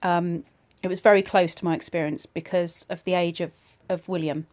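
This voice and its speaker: A woman's voice: on the low side, flat delivery, normal speed, darkish tone. Woman telling a personal story, hesitant and reflective. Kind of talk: personal ghost story told casually.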